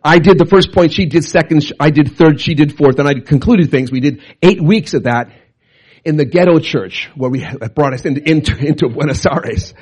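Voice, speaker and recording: A middle-aged man, a pastor telling stories in an excitable, animated sermon. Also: fairly quick, husky. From Canada. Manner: animated, excitable, jumps up and down in pitch. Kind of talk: storytelling sermon.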